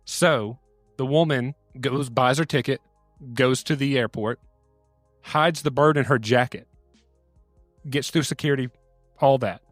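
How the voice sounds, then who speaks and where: A man telling a long story joke in an animated way, his pitch sitting in a middle range. The sound is dry and close, with faint music playing in the background. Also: unhurried, pauses often, no room sound. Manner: animated storytelling, acts out characters' lines.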